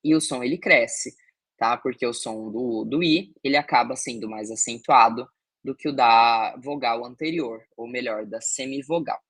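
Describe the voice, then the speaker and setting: A man's voice: medium pitch, normal speed, fairly bright tone, no room sound. Guy teaching a grammar class, keeps saying "right?" and "okay?", dry close sound. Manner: explanatory, many fillers and tag questions. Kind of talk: recorded grammar lesson.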